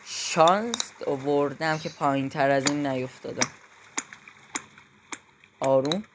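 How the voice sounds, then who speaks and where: A woman giving let's-play commentary, anxious and exclaiming in quick repeated words, then talking herself back to calm. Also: low voice. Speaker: gamer playing a climbing game. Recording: loud clicking noise behind voice.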